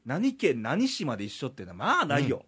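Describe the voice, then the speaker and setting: A man's voice: medium pitch, quick pace, husky. A man from Ehime speaking, hosting a casual podcast chat and acting out remembered conversations. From Ehime, Japan. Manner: animated storyteller, acts out quoted dialogue. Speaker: podcast host. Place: office building studio.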